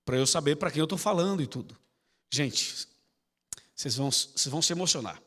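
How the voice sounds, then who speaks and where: In a church sanctuary, a pastor tells his congregation a story, acting out dialogue and addressing them directly. His voice is on the high side and fairly bright, animated and fairly quick. Long hall reverb surrounds him, with piano music playing behind.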